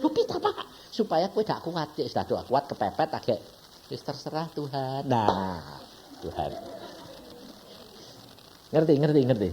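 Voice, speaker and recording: An evangelist preacher speaks Javanese-accented Indonesian, delivering a lively, conversational sermon and firing frequent questions at the congregation. His mid-range voice is unhurried with frequent pauses, and there is background noise.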